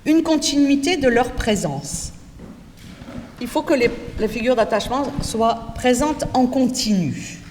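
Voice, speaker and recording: A woman lecturer teaching future teachers, talking in a lively way and putting direct rhetorical questions to her students. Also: fairly high pitch, unhurried. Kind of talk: university lecture. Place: lecture hall. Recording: echoey lecture hall from far off, faint noise.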